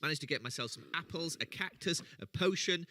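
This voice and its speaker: A man narrates his game in a very bright, sharp voice that swings widely up and down. He is playful and jokey and pokes fun at himself. He is recording with the hiccups, over a faint hiss. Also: a little high, animated, fairly quick. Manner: playful, jokey and self-mocking. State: has the hiccups. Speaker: gaming channel host.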